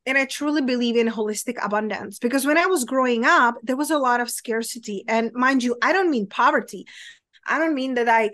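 A Czech woman from the Czech Republic talks at length as a guest coach in a casual interview, her speech full of "like" and "you know." Her voice is on the high side, brisk and a bit bright. The recording is dry.

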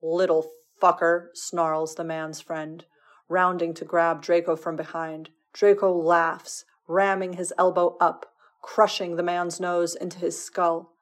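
A woman narrating a fan fiction audiobook with a dramatic, expressive reading of the action. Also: on the low side, measured pace. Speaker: podfic reader.

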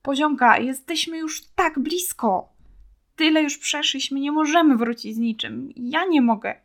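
A woman reading a storybook and voicing a frightened, stubborn young boy who pleads and shouts in anger. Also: high-pitched, lively intonation, normal speed, pitched above the performer's own voice. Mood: desperate.

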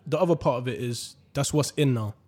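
A man's voice: medium pitch, brisk, darkish tone. A young man with a London accent, chatting casually in slangy roadman talk. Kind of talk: casual chat.

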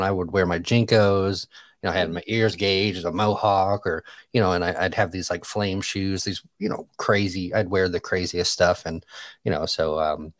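A man in his thirties from Michigan hosting a casual chat, talking in a relaxed, halting way with many fillers. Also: sits low, no room sound. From Michigan, USA. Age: 30s. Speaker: podcast host.

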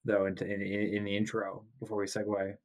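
Over a video call on his home mic, a Canadian podcast host with a sore throat chats casually in a brisk, low, monotone voice. He jokes around, rambles and keeps correcting himself as he goes.

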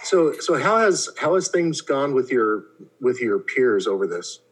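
A man interviewing two students, halting and repeating words as he forms questions. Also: medium pitch, sing-song, breathy edge, poor audio.

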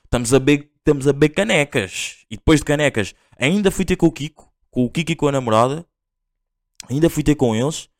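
A man's voice: a little high, expressive, fairly quick. A young man with a European Portuguese accent, hosting a podcast and telling a story in a rambling, slang-heavy way with lots of fillers and restarts. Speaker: podcast host. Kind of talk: casual storytelling monologue.

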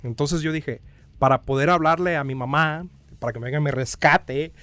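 A man's voice: on the high side, normal speed, fairly bright tone, dry recording, soft background music. A young man from Guanajuato with a Mexican accent, telling a story in casual chat, full of crude slang and acted-out quotes. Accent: Mexican Spanish, Guanajuato. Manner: crude slang-heavy storytelling, acting out other people's lines.

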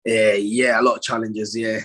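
A man's voice: fairly low pitch, flat delivery, moderate pace, a bit bright. A young man from Somalia, a professional boxer, giving short plain answers in a casual interview and laughing often.

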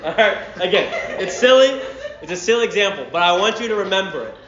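A man preaches in a bright high register, his pitch leaping as he acts out the scenes. The sound is roomy and a little muffled, as if taped in a church hall. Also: fast talker, crowd noise. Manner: animated storyteller, acting out scenes. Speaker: pastor. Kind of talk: sermon to a youth group.

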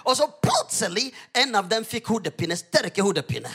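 Pastor, male, high voice, lively storyteller, emphatic sermon delivery. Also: vocal fry, breathy edge.

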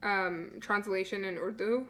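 A woman's voice: mid-range voice, steady tone, measured pace, a bit bright, a little hiss or hum. A young woman co-hosting a podcast in casual chat, blunt and teasing with sarcastic jabs. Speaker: podcast co-host.

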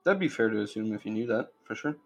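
Man, game master, casual tabletop narration, gravelly, relaxed. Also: on the low side, quick pace.

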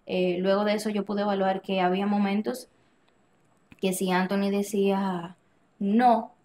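A woman guest on a podcast, telling a personal story in casual conversation, animated and acting out the dialogue she quotes. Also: mid-range voice, a little slow, slight background noise. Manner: animated, acts out quoted dialogue, frequent restarts and laughs.

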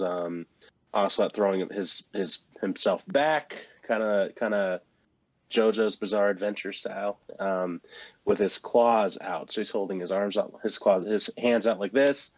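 A man co-hosting a casual chat, walking through a game character's moves in a relaxed, rambling way with many ums and restarts. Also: lowish voice, no echo, highs cut off. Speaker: co-host presenting a game moveset. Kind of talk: casual chat about video games.

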